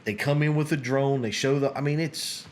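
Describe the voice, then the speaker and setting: A man's voice: mid-range voice, steady tone, moderate pace, a little hiss or hum. A middle-aged man hosting a podcast, chatting casually and rambling with frequent restarts. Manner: rambling, restarts often, gets sidetracked. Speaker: podcast host. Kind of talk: casual conversation.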